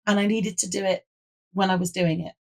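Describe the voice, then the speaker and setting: A British woman hosting a casual, chatty craft vlog with a hoarse, croaky frog voice, as if she has nearly lost it. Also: mid-range voice, steady tone, fairly quick. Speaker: host of a craft video.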